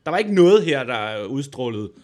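A man co-hosting a podcast, casually telling a personal story and acting out the people in it. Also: medium pitch. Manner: animated storyteller, acts out quoted voices. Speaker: podcast co-host.

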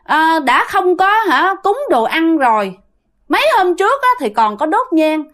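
A woman's voice: extremely high pitch, big pitch swings, a little slow, fairly bright tone, voice pushed up, heavily acted. Woman voicing a scolding old mountain spirit. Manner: scolding, coarse. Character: rude old female mountain spirit possessing a mother.

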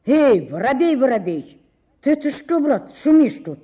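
A woman voicing a cheerful young male chimney sweep who calmly settles a quarrel. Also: high-pitched, unhurried, slightly rough, heavily acted. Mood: calling out.

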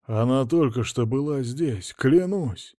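A man voicing a drunk, frantic middle-aged millionaire who shouts and blusters in agitation. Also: medium pitch, lively intonation, takes it slowly, no echo, clean studio sound. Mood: bewildered.

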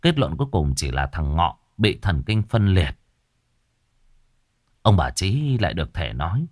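A man narrating a ghost story in a dramatic, lively way. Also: deep voice, unhurried, dry recording, clean studio sound.

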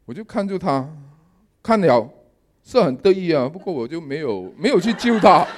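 A man giving a sermon testimony, telling his dreams in a lively storytelling manner with English words mixed in. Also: a little high, moderate pace, slight background noise. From Malaysia. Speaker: lay preacher.

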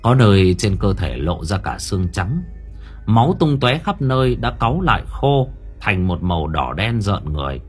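A male narrator tells a horror story with vivid drama and lively rises and falls in pitch. His voice is husky and faint music plays under the reading. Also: normal speed. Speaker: audiobook narrator.

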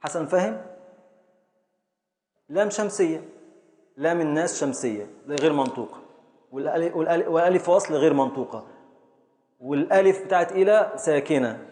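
A man with an Egyptian accent teaching a class on Arabic prosody and grammar. He drills syllables slowly, stretching words to beat out the meter, and calls on students. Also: on the high side, darkish tone. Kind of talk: classroom lesson, calling on students. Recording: echoey hall with long reverb.

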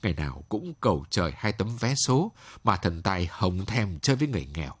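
A man reading the part of a poor, gentle older man in a storybook tale. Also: sits low, sing-song, fairly quick, husky, no room sound, studio quality, pitched below the performer's own voice, full character voice. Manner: gentle, pleading.

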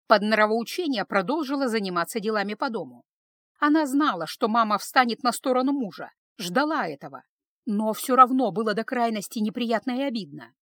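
A woman narrating an emotional story in an expressive, dramatic reading style. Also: on the high side, fairly quick, dry recording.

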